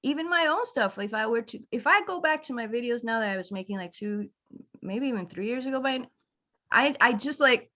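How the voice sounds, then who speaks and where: Chatty woman with a lively, rambling delivery. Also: a little high, a little fast. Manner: rambling, laughing, animated quoting. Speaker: guest. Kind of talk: casual conversation. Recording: slightly dull lo-fi audio.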